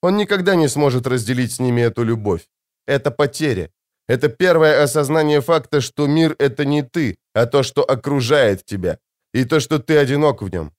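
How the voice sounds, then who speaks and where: A man's voice: medium pitch, lively intonation, fairly quick, natural voice. A man reading the part of a stern, weary young noble heir who talks in an impatient grumble. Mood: brooding.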